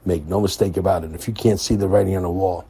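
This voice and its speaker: A man's voice: low voice, steady tone, fast, dark tone, husky. A man hosting a podcast in a casual monologue, emphatic and repeating phrases for stress. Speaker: podcast host.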